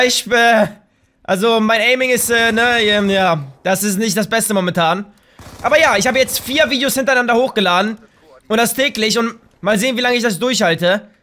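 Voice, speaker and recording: Young German man, gaming commentary; very high, bright voice, hyped and prone to yelling at opponents. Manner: excitable, trash-talking, bursts into shouts. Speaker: gaming YouTuber. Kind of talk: live gameplay commentary.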